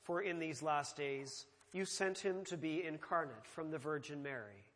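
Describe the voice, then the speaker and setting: A man presiding at a church liturgy, reciting prayers in a slow, measured way, with a long cathedral echo around his voice. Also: on the high side, a bit bright. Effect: cathedral echo, long church reverb. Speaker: presiding minister. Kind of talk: leading a eucharistic liturgy. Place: large church sanctuary. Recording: long reverb of a large church.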